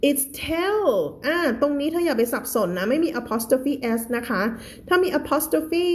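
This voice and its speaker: A woman teaching reading on a live stream. She is chatty and playful, laughs at herself, and reads sentences slowly, word by word. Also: a little high, a little mellow.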